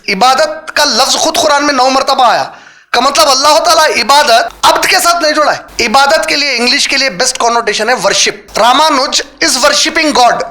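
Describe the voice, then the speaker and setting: A man teaching a live religious class, firing quick questions at his listeners and mixing English words into his talk. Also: very high voice, pushed and bright. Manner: quizzes the audience with quick questions. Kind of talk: interactive Quran lesson lecture. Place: lecture hall with a live audience.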